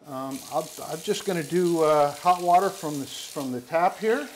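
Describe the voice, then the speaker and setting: With a little hiss or hum behind him, a fifty-something man who owns a spice shop speaks at a moderate pace in a fairly high voice. His informal cooking demo, recorded on a lapel mic in an indoor studio kitchen set, rambles along with many fillers and restarts.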